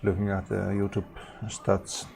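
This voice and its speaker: An Icelandic man chatting casually on a live stream as he paints, halting and correcting himself often, with frequent small chuckles. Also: deep voice, completely flat delivery, vocal fry, noisy background. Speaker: livestreaming painter.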